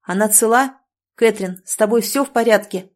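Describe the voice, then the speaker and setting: A woman's voice: fairly high pitch, normal speed, lightly acted. A woman reading a stern demanding man.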